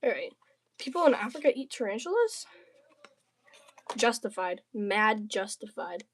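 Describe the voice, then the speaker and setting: A woman from the southern United States livestreams while crafting, chatting and bantering with viewers in a playful, slangy, jokey way. Her husky, medium-pitched voice is very animated, and she speaks unhurriedly.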